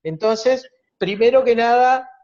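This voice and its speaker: A man's voice: very high-pitched, slow pace, darkish tone. A man with a Uruguayan accent, a psychologist giving a reflective, explanatory talk at a virtual conference. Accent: Uruguayan Spanish. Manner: reflective, explanatory, rhetorical tag questions. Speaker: psychologist lecturer. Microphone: video call. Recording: dull lo-fi video call audio.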